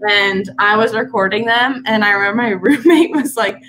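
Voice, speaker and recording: A woman's voice: mid-range voice, moderate pace, a crowd in the background, low-quality recording. A young woman from Canada, a guest swimmer, chatting casually with lots of fillers and easy laughter. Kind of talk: casual chat.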